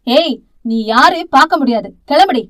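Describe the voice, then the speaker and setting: A woman's voice: high voice, lively intonation, moderate pace, fairly bright tone. A woman voicing a fierce, domineering middle-aged aunt who scolds with harsh contempt, in an audio novel. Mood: harsh scolding.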